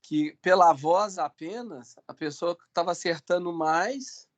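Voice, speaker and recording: Brief: man, higher pitch, hesitant questioner. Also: measured pace, dull audio. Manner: hesitant, searching for words. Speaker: participant asking a question.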